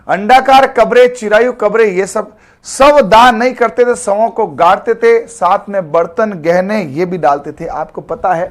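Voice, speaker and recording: Male tutor, fairly high pitch, informal, joking live online class. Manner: chatty, calls students beta, jokey memory tricks. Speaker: teacher.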